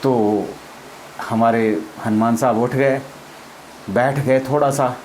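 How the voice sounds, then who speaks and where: Speaking slowly at a medium pitch, with a steady, slightly mellow tone, a man who once served as an army officer recounts something from his own life in an easygoing manner. He voices the dialogue himself and laughs as he goes, over faint background noise on a rough recording.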